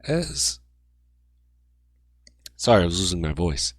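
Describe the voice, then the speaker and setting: A young man giving excited sportscaster-style play-by-play over a football video game, with rambling asides. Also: deep voice, a little slow, dry recording. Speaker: gaming YouTuber.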